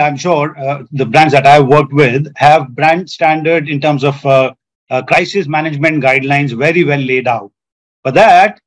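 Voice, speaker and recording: A man, a panel guest who speaks earnestly and sets out his points in order. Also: on the high side. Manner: earnest, structured, lists points. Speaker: hotel general manager, panel guest. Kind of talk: panel discussion.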